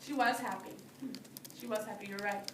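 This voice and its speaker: Brisk and fairly even in intonation, this medium-pitched female teacher reads a storybook aloud to young children in an indoor room and discusses it patiently, in simple words, repeating their replies. She works with preschool or early grade classes. A far-off phone or camera recorded it, leaving the sound roomy and noisy.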